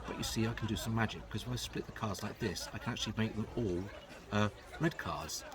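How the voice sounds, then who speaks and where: A man's voice: on the low side, quick pace, crowd noise. A middle-aged man giving casual, chatty patter as a card magician, explaining as he handles the cards.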